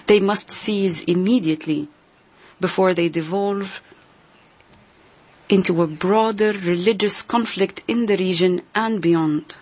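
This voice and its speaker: A woman giving a translation voice-over as an interpreter, rendering a formal speech in a measured, deliberate way. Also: mid-range voice, a little mellow, breathy edge, lo-fi sound. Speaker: simultaneous interpreter.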